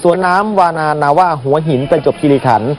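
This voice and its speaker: A man's voice: fairly high pitch, a little fast, slight background noise. A man commentating a Muay Thai fight live on TV, calling strikes play-by-play with exclamations. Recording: loud music under the commentary. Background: music.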